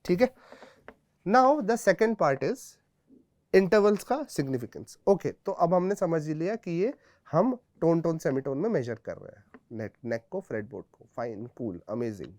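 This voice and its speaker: A man's voice: on the high side, expressive, measured pace, a little mellow, no room sound, studio quality. A man teaching a guitar theory lesson, explaining patiently step by step and checking in with his students often.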